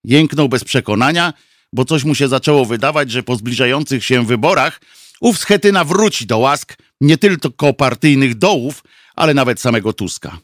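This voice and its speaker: A man's voice: mid-range voice, normal speed, no room sound, clean studio sound. Sardonic man telling a satirical story. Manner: sardonic, mocking, lively. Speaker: satirical radio columnist.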